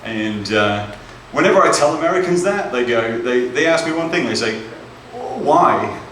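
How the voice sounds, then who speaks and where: A man's voice: medium pitch, lively intonation, normal speed, distant mic. Man, South London accent, stand-up comic, chatty and self-deprecating, echoey hall, faint background noise. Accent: South London English. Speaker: stand-up comedian. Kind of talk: stand-up set. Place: comedy club stage.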